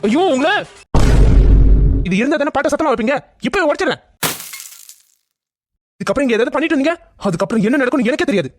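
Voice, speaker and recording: A man's voice: extremely high pitch, animated, rapid-fire, faint music behind. A man voicing an exasperated young cartoon hero. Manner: firm, exasperated. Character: angry, protective young man.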